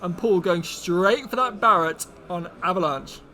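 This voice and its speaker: A young man co-hosting a card tournament stream, calmly explaining each play in casual commentary. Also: sits high, a little slow. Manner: relaxed, explains the game plays.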